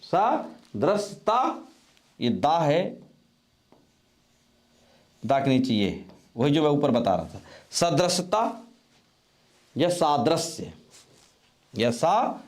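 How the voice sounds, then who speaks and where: A man teaching spelling for exam preparation, slowly repeating each word several times as he writes it out. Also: mid-range voice, big pitch swings, darkish tone. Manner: dictation-like drilling of correct spellings. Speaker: Hindi grammar teacher. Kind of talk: exam-prep board lesson.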